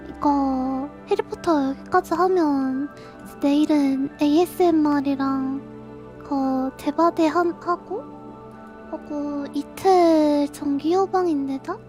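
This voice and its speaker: Very high-pitched, cute anime-style young woman streamer. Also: fairly even intonation, slow pace, mellow, faint music behind. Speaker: live streamer signing off. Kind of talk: casual chat to stream viewers.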